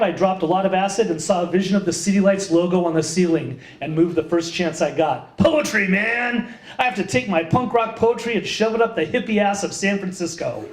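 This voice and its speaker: A man's voice: sits high, a little mellow, echoey room. A middle-aged man, a poet hosting a memorial reading, telling a wry, profane personal story to a live audience. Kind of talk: performed personal essay at a poetry reading. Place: small gallery room with a live audience.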